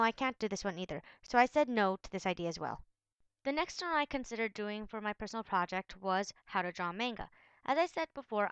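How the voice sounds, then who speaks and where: A woman's voice: on the high side, fairly bright tone, smooth, no room sound, dull audio. A teenage girl from Canada, earnestly reading out a prepared journal about her school project. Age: teens. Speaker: high school student.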